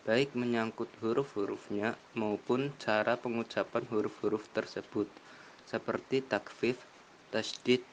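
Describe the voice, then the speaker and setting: A young man, a university student, reading lesson definitions aloud in a careful, measured way. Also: mid-range voice, slight background noise. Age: young adult. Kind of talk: read-aloud lesson narration.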